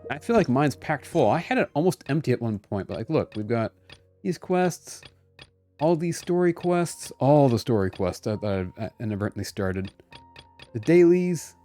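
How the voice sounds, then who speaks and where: A man's dark, mid-range voice swings widely in pitch at a moderate pace as he streams a game. He chats casually and playfully with viewers, often breaking into exclamations, while game music plays.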